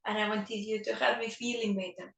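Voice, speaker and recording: A woman's voice: medium pitch, steady tone, brisk, vocal fry. A woman guest, a life coach, talking enthusiastically in a casual interview and laughing often. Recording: roomy echo, mic at a distance.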